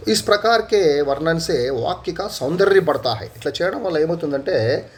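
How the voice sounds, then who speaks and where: A man teaching a Hindi lesson with a Telugu accent. His voice sits a little high and swings up and down with lively energy. He explains patiently, repeating words and example sentences. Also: moderate pace.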